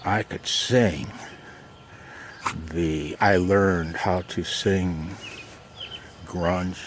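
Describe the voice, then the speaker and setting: A man with a very low, gravelly voice and fairly even intonation chats in an unhurried, rambling way for his homemade amateur radio vlog. Casual and self-deprecating, he's recorded outdoors in a backyard garden and deck with faint background noise.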